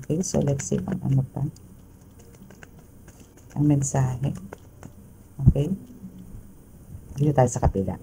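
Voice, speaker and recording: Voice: medium pitch, fairly even intonation, takes it slowly, gravelly, long pauses, warm tone, a little hiss or hum, rough recording. A tarot reader with a Filipino accent gives a casual spoken reading, chatty and full of tag questions and fillers.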